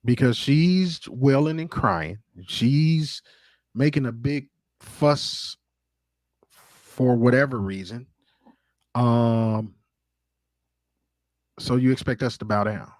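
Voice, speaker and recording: Unhurried guy on a podcast, dry close sound, keeps agreeing. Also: medium pitch, no room sound. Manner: agreeing listener, steady backchannel. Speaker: podcast co-host. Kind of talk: casual chat.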